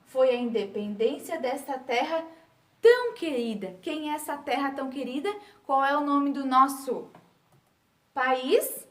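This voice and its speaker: A woman teaching a recorded lesson to young children, telling and explaining in a slow, sing-song way with drawn-out words. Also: high voice. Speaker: primary school teacher. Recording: echoey room.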